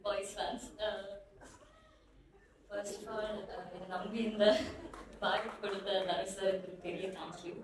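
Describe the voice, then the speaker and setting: A young actress giving a thank-you speech on stage, mixing Tamil and English and running through a list of names with fillers. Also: female voice, mid-range voice, takes it slowly, pauses often. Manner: flat and steady, listing names with fillers. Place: large event hall. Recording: echoey hall from far off with crowd.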